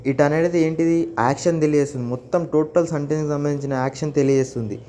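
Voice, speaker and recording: A man with a warm, relaxed voice teaches grammar for an exam. He reads each example slowly and plainly, then breaks it down step by step. A faint noise sits under the recording. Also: on the high side. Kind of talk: exam-prep grammar lesson.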